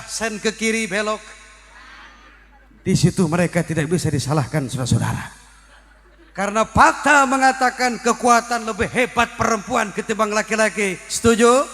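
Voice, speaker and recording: A man's voice: high-pitched, fairly bright tone. Male preacher, playful crowd-teasing delivery; faint music in the background. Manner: joking, teasing the audience with questions. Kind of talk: comic religious sermon to a crowd. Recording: reverberant hall, faint music.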